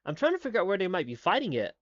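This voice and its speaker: A man's voice: high voice, no room sound, lo-fi sound. A man giving casual reaction commentary as a streamer, rambling with lots of fillers, restarts and swearing.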